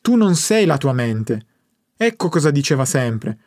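A male audiobook reader voices a quiet elderly grandfather, narrating in a low, controlled, almost monotone manner at a measured pace. His voice sits a little high for a man, and the recording is close and dry with no room sound.

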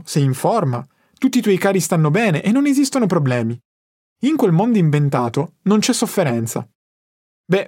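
A man reading the part of a calm, wise male teacher who explains patiently, in an audiobook. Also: high voice, no echo, clean studio sound. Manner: patient, instructive.

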